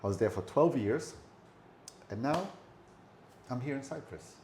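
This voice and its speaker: A woman's voice: a bass voice, animated, unhurried, darkish tone. New York-accented woman podcast host, casual, faint noise behind. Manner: loose and talkative, repeats words. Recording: echoey room with faint background noise.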